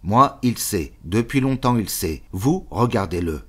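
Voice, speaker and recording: A man's voice: lowish voice, lively intonation, measured pace, a bit bright, husky, pitched above the performer's own voice, heavily acted. A man voicing a tall, thin, stooped man who talks in an insistent, conspiratorial way.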